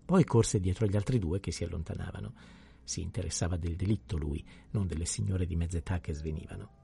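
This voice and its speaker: A man calmly reading a novel aloud as an audiobook narrator. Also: low-pitched, fairly quick, vocal fry, breathy edge. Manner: calm, even storytelling. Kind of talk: scripted narration.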